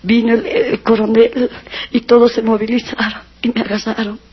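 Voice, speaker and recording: A woman's voice: a little high, level tone, normal speed, husky. A woman giving a personal religious testimony, earnest and emotional, sometimes near tears, on a dull lo-fi recording.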